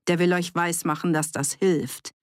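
A woman's voice: fairly low pitch, fairly even intonation, normal speed, dry recording, clean studio sound, close to an everyday voice. A woman voicing a young male journalist who speaks pointedly and with indignation. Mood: indignant. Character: young male journalist, engaged to accused woman, quiet turned defiant.

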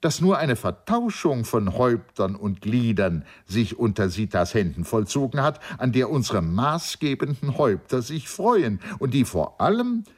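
A man's voice: mid-range voice, big pitch swings, moderate pace, few pauses, pitched above the performer's own voice. A man voicing a hurt young husband who argues in a reproachful, pleading way.

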